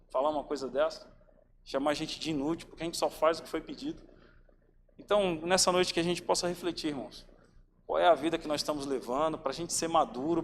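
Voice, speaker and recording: A man preaching a sermon in a casual, street-level way, often calling the congregation "brother" and "man". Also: on the high side. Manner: informal, addresses listeners as "cara" and "irmãos". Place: church hall. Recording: reverberant church hall, faint ambient noise.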